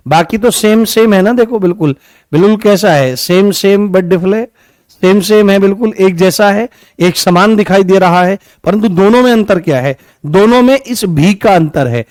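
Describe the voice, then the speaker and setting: Man teaching in a high, dry voice. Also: a little mellow, no room sound. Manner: repeats key words, asks and answers own questions. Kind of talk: online grammar class.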